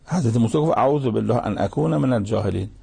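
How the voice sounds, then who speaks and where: A man giving a sermon that explains Quranic verses line by line and grows animated when he acts out quotes. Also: medium pitch, creaky, slightly rough. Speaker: preacher.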